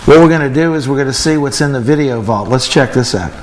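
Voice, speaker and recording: A man's voice: medium pitch, fast talker, a little mellow, rough recording. Man hosting like a kids party magician. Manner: kids party magician patter, asks the child questions. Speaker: host of a kids' magic and learning show. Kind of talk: kids' show presenting.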